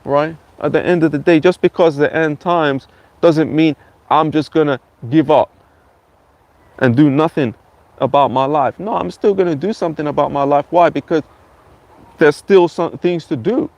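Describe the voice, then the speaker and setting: Man ranting bluntly, slightly high voice. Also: normal speed, darkish tone, highs cut off. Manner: blunt, insulting, repeats phrases. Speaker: channel host. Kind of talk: ranting monologue.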